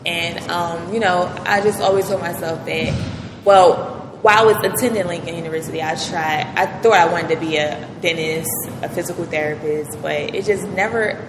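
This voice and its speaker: A young woman, answering interview questions in a relaxed, hesitant way. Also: on the low side, moderate pace. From West Philadelphia. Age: 20s. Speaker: business owner guest. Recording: echoey room with background noise.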